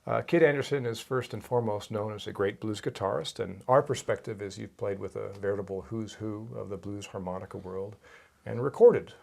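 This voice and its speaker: A middle-aged man hosting an interview, asking steady, friendly questions on a lapel mic in a small home studio. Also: lowish voice, a little fast, vocal fry. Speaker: interview host. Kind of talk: casual interview. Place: home music studio, indoors.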